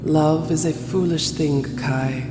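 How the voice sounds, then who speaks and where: A woman's voice: low-pitched, fairly even intonation, slow. A woman playing a regal, coolly manipulative ice queen in an audio play, poised and grandly condescending. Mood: cold, wistful. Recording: long hall reverb, music underneath.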